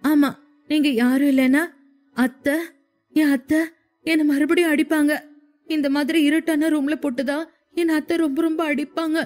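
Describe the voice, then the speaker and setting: A woman's voice: fairly high pitch, brisk, darkish tone, soft background music, natural voice. A woman narrator voicing a frightened young wife who pleads in a shaky, tearful voice.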